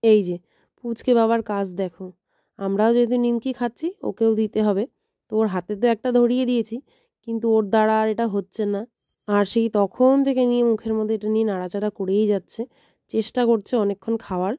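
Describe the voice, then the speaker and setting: A woman's voice: steady tone, fast, dry recording, highs cut off. Woman narrating a family vlog. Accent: Bengali. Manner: coos high and sing-song to a baby; speaks hushed and low in the morning. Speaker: vlogger.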